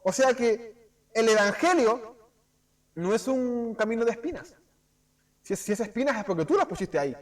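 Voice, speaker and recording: Chilean guy preaching in church, high voice, kinda far from the mic, lively and acts stuff out. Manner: animated, asks rhetorical "cierto?", acts out quick voices. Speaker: preacher teaching a Bible class. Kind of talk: informal sermon.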